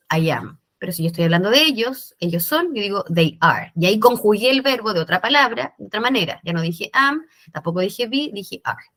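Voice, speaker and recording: Woman, teacher, recorded lesson, clear bright tone, patient explaining. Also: medium pitch. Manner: patient step-by-step explaining, checks in often. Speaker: English teacher.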